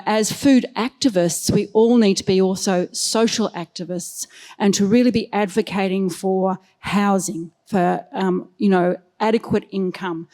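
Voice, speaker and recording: A woman's voice: medium pitch, warm tone. Earnest woman academic on a panel. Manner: earnest, emphatic, with many ums. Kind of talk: panel discussion talk. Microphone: handheld microphone.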